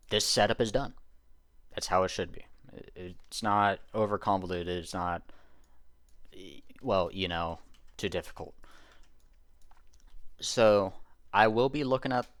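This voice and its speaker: A man's voice: on the low side, dry recording. A man giving a casual game tutorial, explaining step by step and correcting himself as he goes. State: hiccuping. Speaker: gaming YouTuber.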